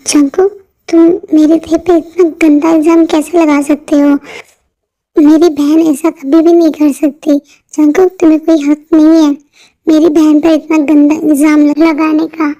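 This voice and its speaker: A woman's voice: high voice, level tone, measured pace. A woman voicing a protective, indignant young sibling in an amateur fan dub drama, pleading and then protesting. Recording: muffled lo-fi audio with soft music.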